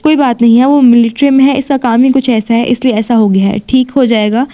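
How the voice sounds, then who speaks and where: A woman narrator voicing an assertive middle-aged aunt who speaks briskly and scolds. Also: on the high side, fairly even intonation, warm tone, natural voice. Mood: scolding.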